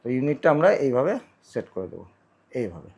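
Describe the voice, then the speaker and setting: A man with a medium-pitched, husky, somewhat mellow and creaky voice talks fast with big pitch swings. He's a vlogger giving an informal installation tutorial, explaining each stage and repeating phrases while he demonstrates.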